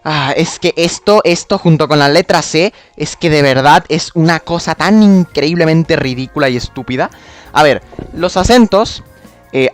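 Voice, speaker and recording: High-voiced man in a profane rant. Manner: exasperated, profane, mocking. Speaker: video creator. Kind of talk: explanatory rant.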